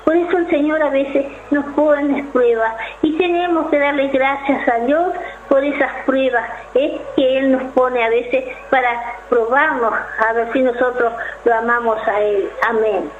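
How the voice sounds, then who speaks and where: A woman's voice: high voice, fairly even intonation, measured pace, roomy sound, a little hiss or hum. Tinny-sounding Uruguayan woman exhorting faith. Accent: Uruguayan Spanish. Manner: gentle, exhorting, tag questions.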